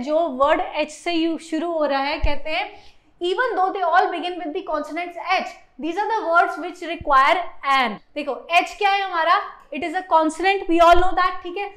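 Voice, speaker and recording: Indian woman tutor, high-pitched, unhurried delivery, sounds words out slowly. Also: fairly bright tone. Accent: Indian English. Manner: mixes Hindi and English, says "ठीक है" often; spells out sounds slowly for emphasis. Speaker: English grammar tutor. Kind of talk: classroom-style grammar lesson.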